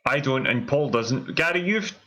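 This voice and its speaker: Bright-voiced podcast host. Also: male voice, medium pitch, animated, normal speed. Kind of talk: casual podcast chat.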